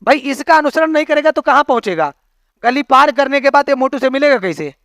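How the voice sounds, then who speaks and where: A man's voice: very high-pitched, lively intonation, a little fast, fairly bright tone, dry recording. Male teacher, classroom lesson, keeps checking understanding, dry close sound. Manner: explains with homely analogies, keeps checking understanding with questions. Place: classroom with students.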